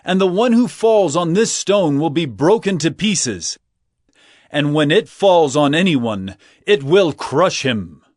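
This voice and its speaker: An actor playing Jesus as a stern, authoritative teacher telling parables in an emphatic, declamatory way for a dramatized scripture recording. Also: male voice, a little high, sing-song, takes it slowly, dry recording, studio quality, full character voice. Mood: stern warning.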